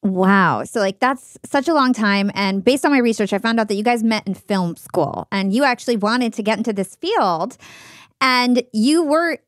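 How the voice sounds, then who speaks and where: A woman's voice: fairly high pitch, moderate pace, no echo, studio quality. Woman podcast host asking researched questions. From New Jersey, United States. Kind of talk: scripted intro and interview questions.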